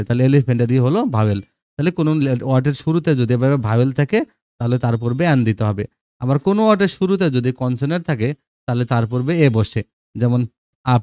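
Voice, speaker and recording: A man teaches students a grammar lesson, frequently checking in with "okay?" and reading English examples out slowly. His voice is mid-range and mellow, captured in a dry recording.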